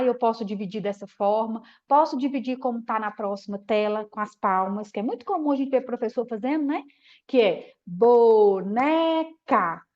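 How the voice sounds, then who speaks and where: High-voiced woman teaching in a live lecture. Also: highs cut off. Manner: explanatory, checks in with frequent "né?" and "tá?"; slows to syllable-by-syllable demonstrations. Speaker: teacher educator.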